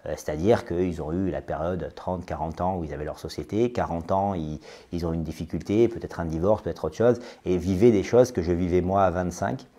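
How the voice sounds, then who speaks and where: Guy in his late 30s on a podcast, really low mellow voice, lots of euh and stumbling restarts. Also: fairly quick. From France. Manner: hesitant, many fillers and repeated words. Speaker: interview guest, business owner. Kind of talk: podcast interview.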